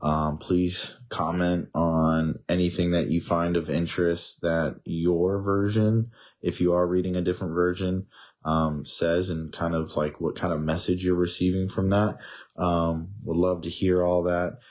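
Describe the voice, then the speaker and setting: A man with a head cold, sounding congested and monotone, casually reading the Bible aloud with comments and many fillers. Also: low-pitched, unhurried. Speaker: Bible reading podcast host.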